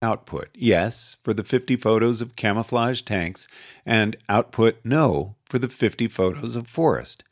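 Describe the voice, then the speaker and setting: Guy with a lowish voice reading an audiobook essay, measured, kinda wry, dead dry close mic. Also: animated, no room sound. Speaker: audiobook narrator. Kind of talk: scripted essay narration.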